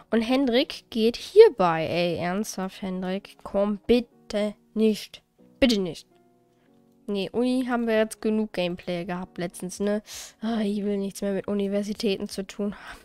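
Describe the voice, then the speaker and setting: A woman's voice: mid-range voice, normal speed, darkish tone, clean tone, dry recording, faint music behind. A woman hosting a let's play, giving casual, chatty commentary as she plays, often exasperated and swearing lightly.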